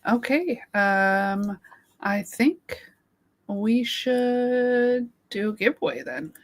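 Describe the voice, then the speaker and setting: A woman co-hosting a casual livestream chats and giggles, thanking viewers as she goes, while her voice is starting to give out. She speaks very slowly but animatedly, in a voice on the high side.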